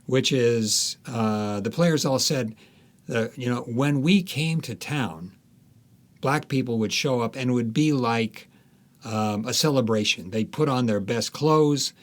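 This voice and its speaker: A mid-range voice at a measured pace belongs to this American author in his seventies. He's telling anecdotes during an interview, reminiscing in an emphatic, enthusiastic way.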